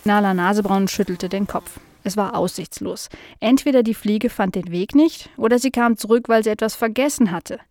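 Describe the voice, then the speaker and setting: A woman narrating a children's story in a calm, even reading voice. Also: medium pitch, normal speed, no room sound.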